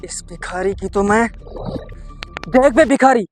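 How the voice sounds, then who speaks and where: Man doing a hotheaded working guy, threatens quickly, fairly high voice, comedy skit. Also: over loud music. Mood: threatening. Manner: boastful, then threatening.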